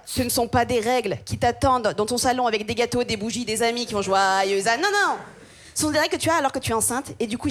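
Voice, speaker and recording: Une jeune femme humoriste de France, qui fait un spectacle de stand-up, racontant vite et de façon animée en imitant d'autres personnes. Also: female voice, a little high. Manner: quick, animated, acts out voices of others. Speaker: stand-up comedian. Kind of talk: stand-up comedy set.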